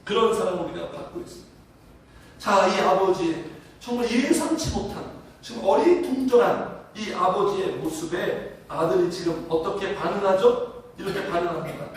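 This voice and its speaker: High-voiced preacher in an echoey church. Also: male voice, expressive, normal speed. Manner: leads congregation in call-and-response reading; asks the congregation questions. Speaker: pastor. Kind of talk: sermon. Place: church sanctuary. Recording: echoey church hall from far off.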